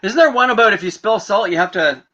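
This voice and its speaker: A man's voice: high-pitched, animated, fast, lo-fi sound, heavy background noise. A man cohosting a casual live-stream chat as a comedian, teasing with dry banter.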